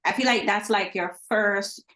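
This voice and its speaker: A woman's voice: medium pitch, unhurried, pushed and bright, poor audio. A woman hosting a casual interview, from Jamaica, chatting and asking follow-up questions. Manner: conversational, brief backchannels and follow-up questions. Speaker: host.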